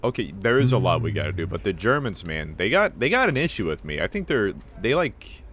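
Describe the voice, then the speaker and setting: A man's voice: on the low side, very animated, fairly quick, fairly bright tone, a little hiss or hum. A young American man co-hosting a podcast, telling a story in a rambling way with lots of fillers and restarts. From United States. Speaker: podcast co-host. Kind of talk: casual chat.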